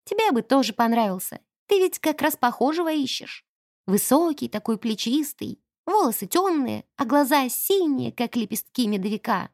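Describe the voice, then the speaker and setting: A woman's voice: high-pitched, sing-song, normal speed, a little mellow, no echo, studio quality. A woman voicing a spoiled, haughty rich young woman who chatters and gossips. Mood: chatty.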